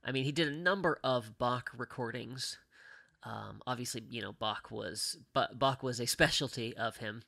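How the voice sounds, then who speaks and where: A man from Pittsburgh talks about organ music in relaxed conversation. His voice is bright and forward, and his speech keeps circling back on itself with fillers and restarts. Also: medium pitch, moderate pace, vocal fry. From Pittsburgh, USA. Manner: hesitant, many fillers and restarts, laughs often. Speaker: organist guest. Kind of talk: casual podcast conversation.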